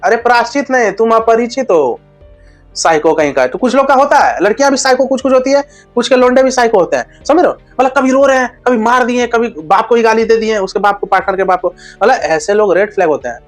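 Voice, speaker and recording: A man's voice: extremely high pitch, expressive, fast talker, faint music behind. A man giving relationship advice in a casual monologue, blunt and slangy with crude humor.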